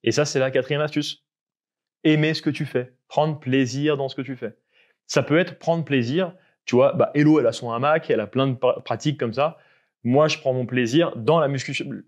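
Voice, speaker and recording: A young man coaching fitness in a casual, explanatory way, with a voice of ordinary middle pitch. He lays out each point for the viewer and keeps checking that they follow. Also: fairly even intonation, normal speed.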